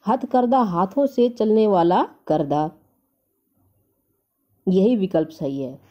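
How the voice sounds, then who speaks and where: A woman's voice: medium pitch, lively intonation, slow pace, dull audio. A woman teacher going through exam answers, reading each option aloud and then saying whether it is right or wrong. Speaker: Hindi teacher. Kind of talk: exam answer-key walkthrough.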